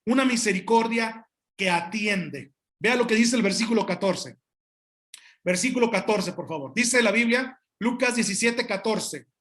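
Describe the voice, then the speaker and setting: Male pastor, high-pitched, emphatic sermon delivery with frequent restarts. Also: a bit bright. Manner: emphatic preaching, addresses congregation as brothers; halting restarts and asides.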